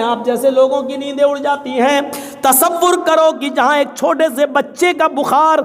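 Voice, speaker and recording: A man's voice: very high voice, a bit bright. A man preaching a sermon with impassioned delivery, chanting scripture verses in between. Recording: echoey hall.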